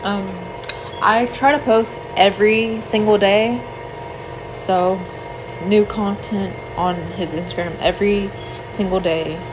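A young woman talks her viewers through her cooking in a loose, rambling way, filling the gaps with "like" and "um". Her pitch sits in the middle of the range. The home recording carries a clear layer of background noise. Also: fairly even intonation, takes it slowly. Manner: rambling, lots of "like" and "um". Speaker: vlogger. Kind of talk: casual chat while cooking. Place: home kitchen.

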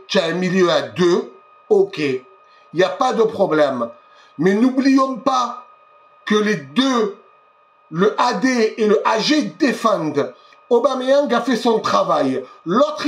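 A worked-up man ranting through a football match debrief, swearing and calling his viewers brothers. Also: sits high. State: tense, worked up. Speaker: football fan vlogger.

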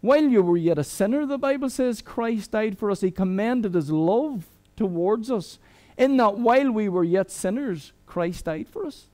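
A high-voiced Irish man in middle age preaching a sermon. He talks to the congregation like friends, mixes jokes into the message and restarts his sentences often. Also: animated, normal speed, dark tone. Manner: conversational and humorous, with many restarts. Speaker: guest preacher.

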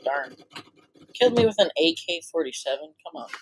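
Teen gamer, voice cracking, excitable, slightly high pitch, unhurried, noisy track with mouse clicks. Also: male voice. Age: teens. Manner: excitable, blurting reactions. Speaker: gameplay commentator. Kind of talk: casual gameplay commentary.

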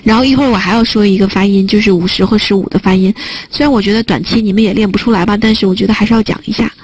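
A woman's voice: medium pitch, steady tone, rapid-fire, a little mellow, slightly rough, low-quality recording. A woman teaching a test prep listening class online, chatting and joking as she types notes on a whiteboard. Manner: chatty, joking aside while typing on a whiteboard.

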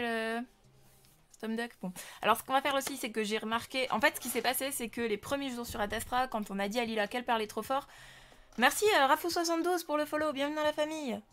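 Young woman streamer from France, slightly high voice, loose chatty delivery, desk mic, faint music. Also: fairly bright tone. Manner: chatty, lots of fillers, greets viewers. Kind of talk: casual live-stream chat. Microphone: desk microphone.

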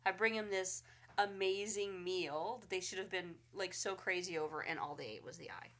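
A woman's voice: on the low side, normal speed, a bit bright. A woman hosting a casual live-stream chat, chatty and rambling with fillers, a bit congested and sniffly. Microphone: phone.

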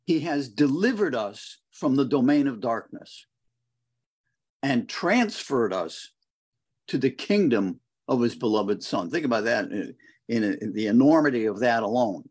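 Husky-voiced man leading a Bible study. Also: medium pitch, animated, unhurried, darkish tone. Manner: reflective, reads scripture verses aloud.

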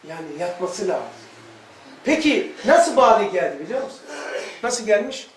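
A man's voice: sits high, big pitch swings, normal speed, slight background noise. A man with a Turkish accent from Istanbul teaching a religious lesson, telling anecdotes, acting out dialogue and joking with a small group. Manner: storytelling, acts out dialogue, jokes with listeners. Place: indoor room with small group. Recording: echoey room, mic far off.

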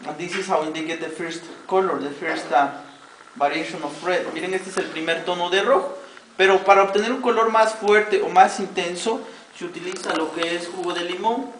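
Speaking at a normal pace, this man has a high, somewhat bright voice and a Mexican Spanish accent. As a weaving cooperative guide, he walks visitors through a demonstration in the workshop, giving each step in Spanish, then again in English. Background noise comes through the distant, roomy camera audio.

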